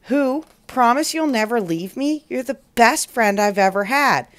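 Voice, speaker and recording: A woman voicing a frightened little boy lost and alone, crying out in high, pleading tones. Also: animated, a little slow. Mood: earnest.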